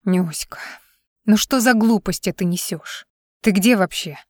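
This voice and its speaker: A woman's voice: medium pitch, measured pace, a little mellow, dry recording, clean studio sound, close to an everyday voice. A woman voicing a man pleading on the phone. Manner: urgent, insistent, swearing.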